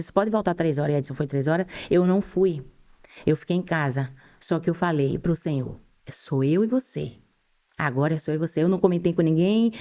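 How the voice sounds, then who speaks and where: A middle-aged Brazilian woman telling her faith testimony as a podcast guest, in fervent, rushed storytelling. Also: lowish voice, dark tone. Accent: Brazilian Portuguese.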